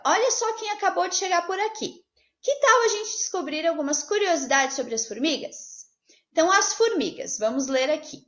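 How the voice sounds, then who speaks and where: Lively high-voiced teacher woman. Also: dull audio. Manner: slow, sing-song teacherly phrasing, spelling out syllables. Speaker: primary school teacher. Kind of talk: remote class lesson.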